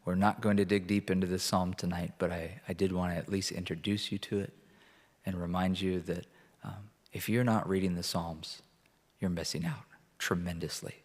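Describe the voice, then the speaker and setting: A man preaching as a pastor and reading scripture aloud, earnest and deliberate, with pauses between phrases. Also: sits low, fairly even intonation, breathy edge. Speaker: pastor leading a church prayer meeting. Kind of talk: sermon with Bible reading. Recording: reverberant hall, long echo.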